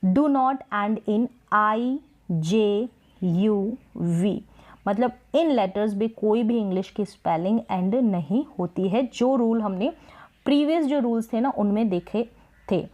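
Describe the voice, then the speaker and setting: A woman teaching English spelling rules, patiently repeating example words slowly for practice. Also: fairly high pitch, darkish tone. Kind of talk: Hindi-language spelling lesson.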